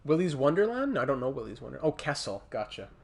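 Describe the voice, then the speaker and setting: This streamer from Montreal, Canada, speaks with a Montreal accent while playing a hockey video game, casually chatting and commenting. His medium-pitched, sing-song voice has vocal fry and is a little mellow, and he thinks aloud haltingly, breaking off to reply to viewers.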